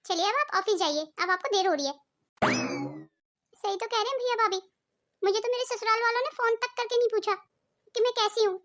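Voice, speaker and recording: A woman's voice: very high-pitched, brisk, long pauses, fairly bright tone. A woman voicing the young women of a cartoon family drama, the sister-in-law and daughter-in-law, in an earnest, melodramatic way. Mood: plaintive.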